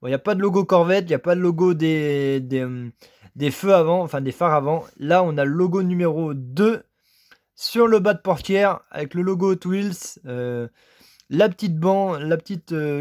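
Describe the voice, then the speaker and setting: A man chats about his model car collection in a casual, eager way. He hesitates often and stacks repeated intensifiers. His voice sits a little higher than most men's. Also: darkish tone. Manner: enthusiastic, repeats "très" over and over, halting with many "euh". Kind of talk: casual unboxing commentary.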